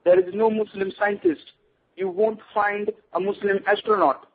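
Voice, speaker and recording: A man's voice: high-pitched, level tone, moderate pace, slightly rough. A man speaking as a guest on a radio show, lecturing emphatically. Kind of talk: radio interview. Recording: tinny phone line.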